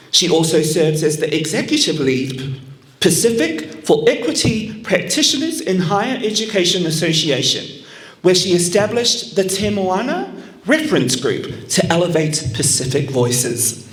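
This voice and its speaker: A man working as an event MC, reading formal scripted introductions in a measured way. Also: sits high. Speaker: event MC introducing pageant judges. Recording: roomy, echoing venue sound.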